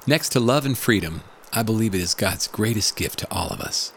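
Low, gravelly man guiding a meditation. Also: lively intonation, brisk, a little hiss or hum. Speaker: meditation podcast host. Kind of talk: scripted narration and guided meditation.

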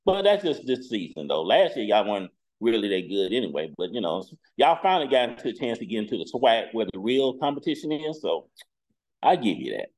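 Co-host, man, lively pitch, animated rambling storyteller. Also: a little fast, poor audio. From Huntsville, Alabama. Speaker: regular co-host. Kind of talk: casual podcast chat.

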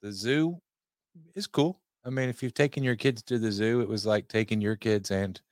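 A lower-pitched man co-hosting a relaxed podcast, playful and quick to laugh. His voice is recorded dry and close, with no room sound. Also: no echo. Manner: playful, jokey, laughs often. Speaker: podcast co-host. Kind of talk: casual podcast chat.

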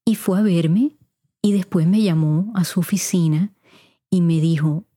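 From a home recording room, a middle-aged podcast host born in Puerto Rico replies to listener questions, unhurried and conversational, addressing her audience directly. Her largely neutral Puerto Rican Spanish accent comes through a low, mellow voice, recorded cleanly on a studio mic with no echo.

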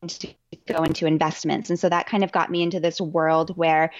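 A woman's voice: deep voice, level tone, fairly quick, a little hiss or hum. A woman in her forties, a podcast guest telling her story in a friendly, candid way. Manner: friendly, laughs easily, candid. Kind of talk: interview storytelling. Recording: dull lo-fi audio.

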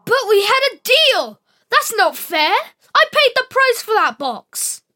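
Cheeky male spider trickster played by a woman, bright, high and lively. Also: moderate pace. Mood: protesting. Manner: playful, bargaining, dramatic. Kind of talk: live storytelling performance.

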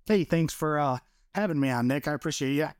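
A man's voice: on the high side, brisk, no room sound. A man from Michigan, a podcast guest, talking casually and hesitantly with many fillers and restarts. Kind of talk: casual interview chat.

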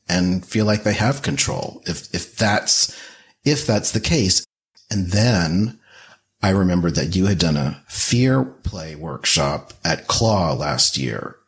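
Male podcast host, low-pitched voice, thoughtful and a bit hesitant, conversational. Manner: thoughtful, hesitant, lays out questions slowly. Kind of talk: conversational interview.

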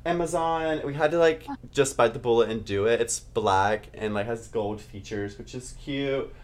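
Campy, gushing young man co-hosting. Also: mid-range voice. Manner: campy, gushing, slangy, drawn-out words. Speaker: podcast co-host. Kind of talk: casual chat.

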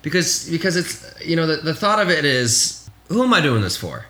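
A man's voice: fairly high pitch, very animated, normal speed, sharp tone. A man in his late twenties, co-hosting a casual podcast chat, rambling candidly and swearing freely. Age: 20s. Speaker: podcast co-host.

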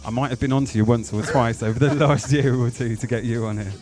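A man's voice: medium pitch, steady tone, fast talker. A man hosting a casual, chatty studio interview. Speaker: interview host. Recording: faint music behind the voice.

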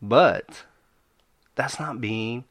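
Casting: male podcast host, American accent, medium pitch, casual but emphatic and preacherly, punches short repeated phrases. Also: very slow, fairly bright tone.

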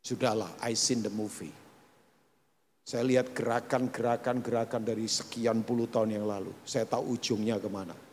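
A middle-aged pastor preaching a live church sermon, animated, swinging between loud outbursts and hushed asides while quizzing the congregation. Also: male voice, on the low side, moderate pace. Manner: asks the congregation questions and quizzes them. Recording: reverberant church hall, faint room noise.

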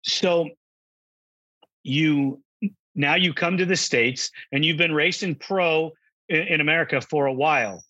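A man hosting an interview podcast, asking questions in a friendly, relaxed way with fillers. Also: fairly high pitch, a little slow, pauses often, no echo, highs cut off. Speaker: podcast host. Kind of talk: casual interview.

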